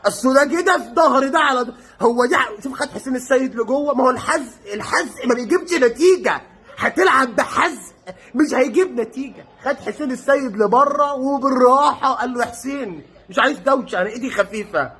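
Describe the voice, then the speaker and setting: A young Egyptian man with an Egyptian Arabic accent, reacting to a football match in a mocking, joking way and shouting at times. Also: extremely high pitch, husky. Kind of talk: excited match reaction commentary.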